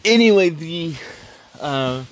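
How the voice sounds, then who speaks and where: Very slow, halting man on a podcast. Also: on the high side, expressive, slight background noise. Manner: halting, terse, choppy phrases. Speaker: wrestling podcast host. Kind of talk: casual solo podcast review.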